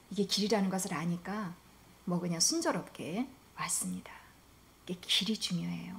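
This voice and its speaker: A woman preaching a sermon in an earnest, emphatic manner, often dropping to a soft, hushed voice. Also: fairly low pitch, vocal fry, slight background noise.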